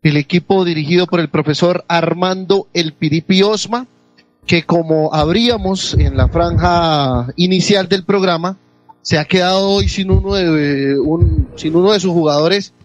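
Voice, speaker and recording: A man hosting a sports radio show, reading club news in a steady way with frequent "eh" fillers. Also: high-pitched, unhurried, faint music behind.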